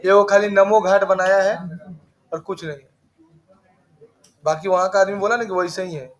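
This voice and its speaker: A man from the teaches students in a small computer classroom. He is brisk and scolding. He drifts into chatty side remarks between his instructions. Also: high-pitched.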